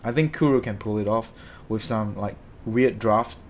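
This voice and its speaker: A young Malaysian streamer answers his live-stream chat in a lowish voice at normal speed, rambling loosely and correcting himself as he goes. There's slight background noise.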